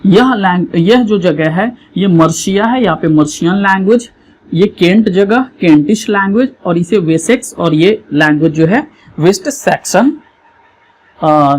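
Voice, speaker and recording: A teacher, giving an exam revision lesson over a map, explaining slowly and often checking that students follow. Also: mid-range voice, darkish tone, slightly rough.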